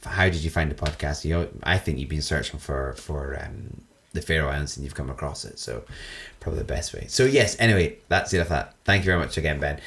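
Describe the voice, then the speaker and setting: Deep-voiced chatty man. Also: a little hiss or hum. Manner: chatty, laughs often, excitable storytelling. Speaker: podcast co-host. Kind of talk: casual chat.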